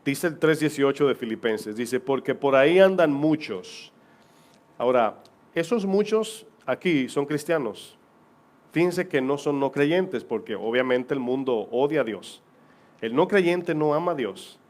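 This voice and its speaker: A man's voice: mid-range voice, lively intonation, unhurried, darkish tone. A married man preaching a sermon as pastor to his congregation, reading scripture aloud and asking rhetorical questions.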